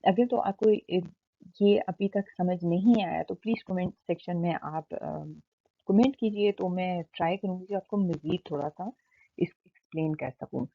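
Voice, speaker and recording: A woman's voice: fairly low pitch, normal speed, vocal fry. A woman teaching a German lesson, explaining patiently step by step with frequent "um"s and mixing in English words. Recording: tinny phone-like sound.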